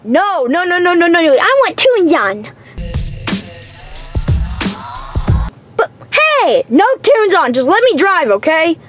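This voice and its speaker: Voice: extremely high pitch, big pitch swings, normal speed, fairly bright tone, soft background music, full character voice. A young performer voicing an exasperated, bossy rabbit animatronic plush in a homemade puppet video.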